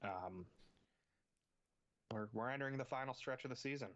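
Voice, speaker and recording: A man co-hosting a sports podcast, talking in a steady, laid-back way with dry humor. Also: medium pitch, moderate pace, lo-fi sound. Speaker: podcast co-host. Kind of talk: casual sports chat.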